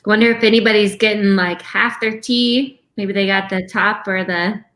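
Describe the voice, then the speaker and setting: A woman's voice: medium pitch, fairly even intonation, normal speed, a bit bright. A woman chatting casually as co-host of an online bingo game. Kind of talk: casual chat.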